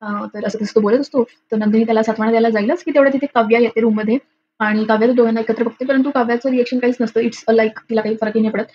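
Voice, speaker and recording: A woman's voice: on the high side, steady tone, rapid-fire, warm tone. A woman casually retelling a TV serial episode, rambling with lots of filler sounds and restarts. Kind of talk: casual spoken episode recap. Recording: dull lo-fi audio with faint noise.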